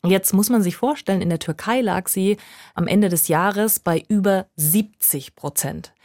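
A woman reporter explaining events in a relaxed conversational way, using everyday examples from her own life. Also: medium pitch, a little slow, no echo, clean studio sound. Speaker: foreign correspondent guest. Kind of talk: conversational podcast interview.

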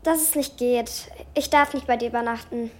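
Woman as a high-voiced, doubtful schoolgirl with dry retorts, kids' radio drama. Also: moderate pace, lightly acted. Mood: grumpy. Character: sceptical schoolgirl Eileen, grumpy and quick-witted. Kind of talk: children's radio play.

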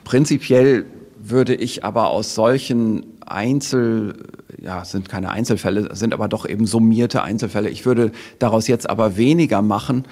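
Gravelly-voiced man explaining in a podcast. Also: on the low side, a little mellow. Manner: measured, careful explanations. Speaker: expert guest. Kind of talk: podcast interview, explaining data.

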